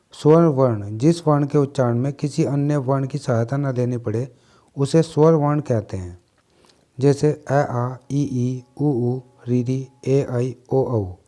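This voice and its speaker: Mellow-voiced man teaching grammar. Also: mid-range voice. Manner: steady, listing letters one by one. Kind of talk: grammar lesson read from notes.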